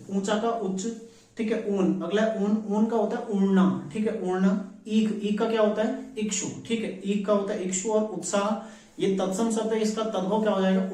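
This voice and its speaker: A man with a high, slightly mellow voice works through exam practice questions like a teacher, posing each question and then answering it himself while saying "ठीक है" again and again. He sounds distant, recorded in an echoey room.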